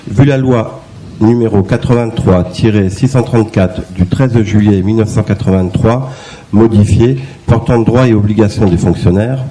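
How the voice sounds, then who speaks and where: Deep-voiced man reading legal references. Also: warm tone, a little hiss or hum, low-quality recording. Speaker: council member reporting a motion.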